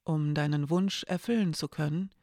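A narrator voicing an eerie, calm being from a mirror that takes the shape of a thin, pale woman and speaks curtly in an audiobook. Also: medium pitch, normal speed, no room sound, studio quality, natural voice. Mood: cool, terse.

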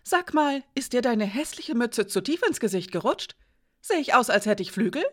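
A woman voicing a touchy, sharp-tongued young girl in a storybook, speaking high, loud and quick. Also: sing-song. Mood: indignant. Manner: high, loud and indignant, rushing.

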